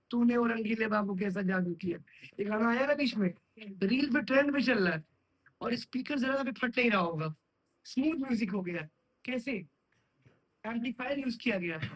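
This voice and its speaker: A man's voice: very high voice, husky, low-quality recording. A man teaching computer science in a classroom, often stopping to put check questions to his students. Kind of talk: classroom lecture.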